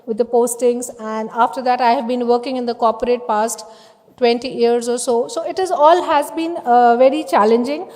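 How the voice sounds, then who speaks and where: Emotional woman thanking people, high voice, halting, lots of echo in a big hall. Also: steady tone, a little mellow. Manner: halting, with many fillers and restarts. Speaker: award recipient giving a speech. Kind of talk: emotional acceptance speech. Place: large event hall. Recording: long reverb in a hall.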